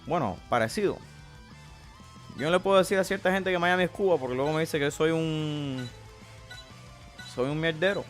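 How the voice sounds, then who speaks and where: The streamer's slangy Miami persona, thick with a Cuban Spanish accent, talks his cards over in a crude, joking, playful way. It's a natural-sounding voice, fairly high for a man, at a moderate pace with lots of pauses, as faint guitar music plays.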